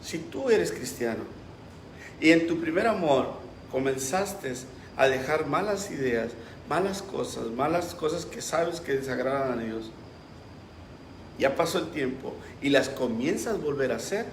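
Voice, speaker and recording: A man's voice: medium pitch, expressive, measured pace, a little hiss or hum. A pastor preaching a sermon with passion, acting out the voices he quotes. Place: church. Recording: roomy echo.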